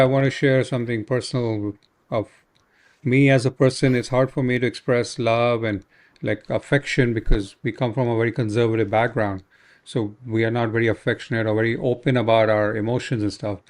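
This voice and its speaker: Man, gravelly voice, fervent, exhorting, prayer ministry talk. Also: mid-range voice, a little mellow. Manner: fervent, exhorting, repeats "right?".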